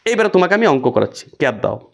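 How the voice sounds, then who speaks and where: A man's voice: a little high, very animated, very fast, creaky. A man teaching a physics lesson, asking the class questions and answering them himself. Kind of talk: classroom lecture.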